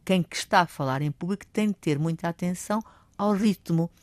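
An older woman with a European Portuguese accent, a teacher explaining public speaking in a lively way, acting out examples. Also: fairly low pitch, no room sound. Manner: lively, acts out examples, admits speaking fast.

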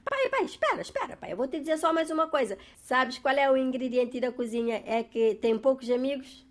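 A man's voice: extremely high pitch, animated, brisk. A Cape Verdean man voicing his young daughter, who eagerly pesters her father with jokes. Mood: eager, pleading. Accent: Cape Verdean Portuguese. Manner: pleading, eager joke-telling.

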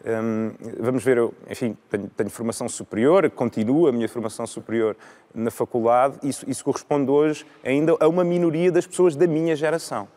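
A man in his thirties with a European Portuguese accent, speaking as a guest in a live panel debate, measured and often restarting his sentences. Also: mid-range voice, steady tone, mellow. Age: 30s. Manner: measured, with frequent repetitions and restarts. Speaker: law lecturer and debate guest.

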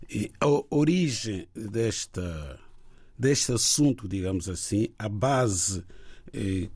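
A middle-aged man, a lawyer explaining the law on a radio program, speaking in a measured, deliberate way with frequent hesitations. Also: fairly low pitch, dark tone, slightly rough, no echo. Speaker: lawyer guest.

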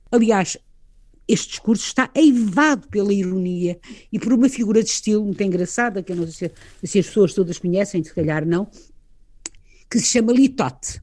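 A woman's voice: medium pitch, dark tone. A woman with a European Portuguese accent, a guest in a conversational literary discussion, explaining with animation and frequent tag questions.

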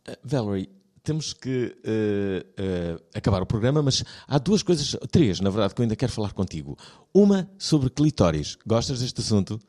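A man's voice: fairly low pitch, expressive, normal speed, a little mellow. A man hosting an interview, speaking European Portuguese, hesitant with many fillers and a teasing manner. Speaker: interviewer host. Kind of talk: casual interview chat.

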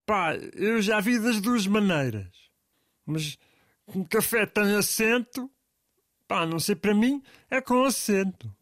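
A man's voice: high voice, lively intonation, slow pace, a bit bright, dry recording, studio quality, exaggerated voice. A man with a European Portuguese accent in comic scripted banter, asking puzzled questions and giving in easily.

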